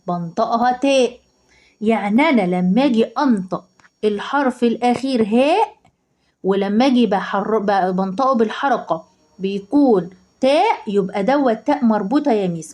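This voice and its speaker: Egyptian woman teacher, mellow tone, repeats questions and answers them herself. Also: a little high. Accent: Egyptian Arabic. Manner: asks and answers her own questions, repeating key words; slows down and stretches words when reading aloud. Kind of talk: classroom lesson explaining exam answers.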